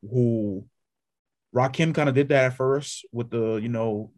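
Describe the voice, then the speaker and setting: A man's voice: medium pitch, measured pace, darkish tone. A man co-hosting a podcast in casual chat, rambling with many restarts and perking up when he lists names. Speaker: podcast co-host.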